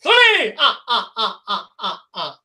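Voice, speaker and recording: A man's voice: high-pitched, huge pitch swings, slow pace, bright, forceful tone, exaggerated voice. Man putting on a gleeful counting puppet vampire. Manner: counting with staccato laughter.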